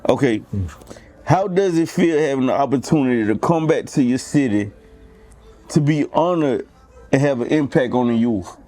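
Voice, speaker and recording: A man's voice: mid-range voice, lively intonation, normal speed, warm tone. A man interviewing a guest on a casual podcast, playful and teasing.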